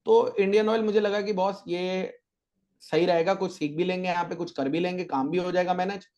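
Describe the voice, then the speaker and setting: Guest, male, 30s, chatty storyteller with a slightly high voice, casual interview. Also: steady tone, fairly quick, darkish tone, dull audio. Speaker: podcast guest, chartered accountant teacher.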